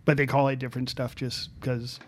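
A man's voice: medium pitch, level tone, brisk. A man hosting a podcast in casual chat, explaining things in a wry way. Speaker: podcast host.

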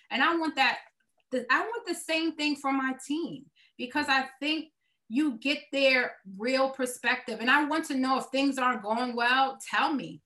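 Brooklyn accent woman doing an interview, bright kinda high voice, earnest, repeats words for emphasis. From Brooklyn, New York, United States. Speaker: nonprofit executive, interview guest. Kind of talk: conversational interview answers.

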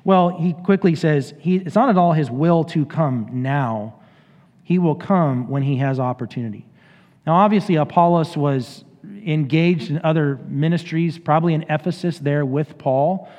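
A man's voice: a little high, normal speed, in a large hall, dull audio. A male pastor preaching a sermon in a casual, conversational way, acting out scripture voices. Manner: conversational, animated paraphrasing of scripture.

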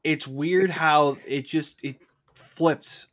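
A man with a bright, tense voice chatting on a movie podcast. He sounds wry and bemused, and his pitch sits a little high. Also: fairly even intonation, drawn-out words. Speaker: podcast co-host. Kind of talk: casual movie chat.

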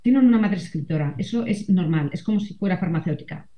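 A woman's voice: lowish voice, lively intonation, fast, warm tone. A middle-aged woman, a columnist and mother, talking reflectively in an interview and often adding tag questions. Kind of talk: conversational interview. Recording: roomy, slightly dull sound.

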